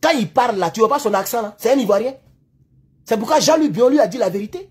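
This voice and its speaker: A man's voice: very high-pitched, expressive, quick pace, a little mellow, breathy edge. A man from the Ivory Coast with an Ivorian French accent, delivering a heated political rant as a YouTube commentator in an impassioned, accusatory way, repeating himself for emphasis.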